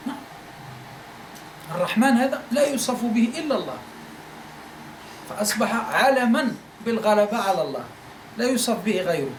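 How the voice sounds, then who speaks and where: A man's voice: sits high, expressive, brisk, long pauses. Man teaching in an echoey room. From Algeria. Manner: repeats points, keeps asking listeners if they follow. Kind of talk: classroom lecture. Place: study circle room. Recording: echoey room, faint noise.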